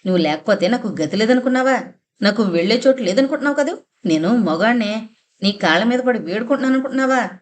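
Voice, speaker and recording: A woman reading the part of a harsh middle-aged husband who threatens and blusters rapidly. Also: on the low side, lightly acted. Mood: angry.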